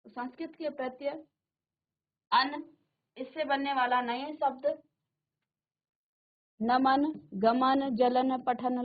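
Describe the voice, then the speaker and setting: A middle-aged woman teacher giving a classroom lesson, repeating each word slowly and asking the class questions. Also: fairly high pitch, narrow, tinny audio. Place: virtual classroom studio.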